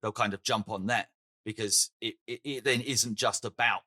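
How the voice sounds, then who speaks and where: A middle-aged man from England chats casually as a podcast co-host. His voice is bright and forward, and he talks in an animated way. The sound is dry and close. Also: on the low side, moderate pace, dry recording. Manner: animated, swears and laughs easily. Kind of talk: casual chat.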